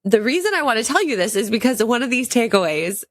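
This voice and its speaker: A woman's voice: a little high, very animated, fast talker. A woman hosting a casual solo podcast with a congested, stuffed-up voice, talking with enthusiasm and repeating words for emphasis. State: congested from a sinus infection. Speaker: podcast host.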